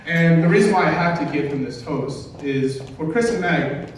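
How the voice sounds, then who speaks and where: A man giving an informal, humorous best man speech at a wedding, joking along in a halting way and often correcting himself. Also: fairly high pitch, animated. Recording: distant, very echoey, noisy room recording.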